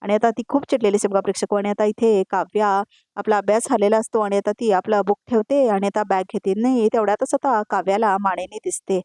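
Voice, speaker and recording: A woman's voice: mid-range voice, fairly even intonation, fast talker, dark tone, no echo, studio quality. A woman narrating a television serial recap, addressing viewers. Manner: retelling with repeated tags, addressing viewers.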